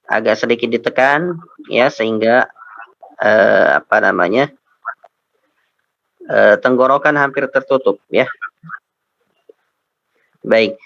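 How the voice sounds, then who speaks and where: Indonesian guy teaching quran reading, super slow and careful, dry dull audio. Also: medium pitch, vocal fry, fairly bright tone, dry recording. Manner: patient, corrects letter by letter and repeats syllables. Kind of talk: tajwid lesson with slow model recitation.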